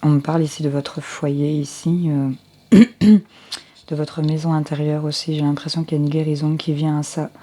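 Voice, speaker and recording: Low, flat-voiced woman reading tarot. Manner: unhurried, hesitant, frequent fillers and restarts. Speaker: tarot card reader. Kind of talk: general tarot reading for viewers. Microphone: headset with a close mic.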